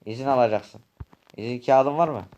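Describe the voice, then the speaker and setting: A man's voice: medium pitch, normal speed, a little mellow, dull audio, lightly acted. Man doing a stubborn by-the-book gate guard. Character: rule-bound male village gate guard. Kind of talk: amateur game voice acting.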